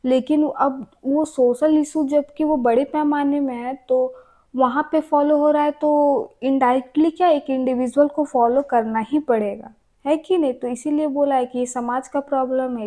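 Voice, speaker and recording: Brief: young female tutor, high mellow voice, conversational lecture full of self-answered questions. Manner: chatty, keeps asking and answering her own questions. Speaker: teacher. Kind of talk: casual exam-prep lecture.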